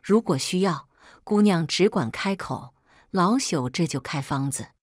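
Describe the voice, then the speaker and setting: A woman's voice: fairly low pitch, expressive, a little slow, no echo, studio quality. Woman reading as an old kindly doctor. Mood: advising. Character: old male physician, calm and kindly.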